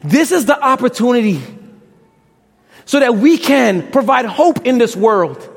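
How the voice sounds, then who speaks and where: This young Brooklyn man's voice is extremely high yet gravelly and husky, animated but measured in pace, with a Brooklyn accent. He preaches on a campus using impassioned rhetorical questions and some casual slang, recorded with long reverb in a large hall.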